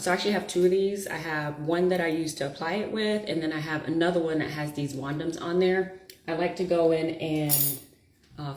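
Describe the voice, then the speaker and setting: A beauty vlogger with a deep, darkish voice chats through a live stream in a roomy-sounding space. Working on her lashes, she thinks out loud and makes light fun of herself in a casual makeup chat.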